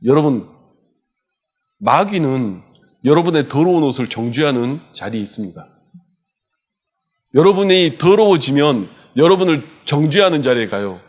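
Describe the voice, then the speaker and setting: A male pastor preaching a sermon in a church, with impassioned delivery that swings from loud urgency to hushed softness. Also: a little high, very animated, normal speed, pauses often. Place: church sanctuary.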